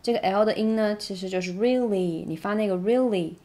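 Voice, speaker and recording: A woman whose first language is Mandarin Chinese, teaching English song pronunciation in a casual tutorial and demonstrating lyrics slowly word by word. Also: medium pitch, mellow.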